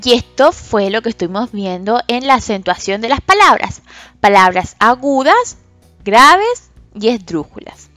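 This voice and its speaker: A woman teaching a recorded lesson to children, speaking slowly and patiently and stretching out example words with loud stress on syllables. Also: fairly high pitch, very animated, no echo, soft background music. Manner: slow, patient, stresses syllables loudly and drawn out when giving example words. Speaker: special education teacher.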